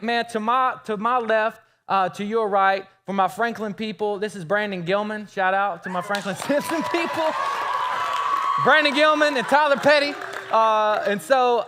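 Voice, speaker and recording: A man in his thirties, a youth pastor, speaking to a youth group in an energetic, teasing way. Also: high-pitched, a little hiss or hum.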